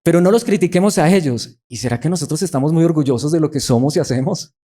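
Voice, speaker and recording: A man preaching a sermon in church, earnest, with many rhetorical questions and a soft low voice for emphasis. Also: fast talker.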